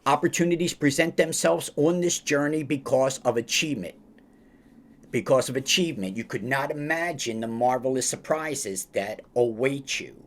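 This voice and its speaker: A man hosting a podcast interview over a video call, speaking slowly and emphatically, with lots of encouraging praise. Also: mid-range voice. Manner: slow, emphatic, upbeat delivery with drawn-out phrases; repeats praise like a mentor. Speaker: podcast host.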